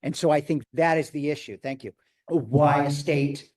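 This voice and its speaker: A rabbi answers audience questions during a lecture, thinking aloud thoughtfully and restarting his sentences. His voice is fairly high with a darkish tone at normal speed. The microphone is failing, so he speaks loudly from a distance, and the large hall sounds echoey and far off.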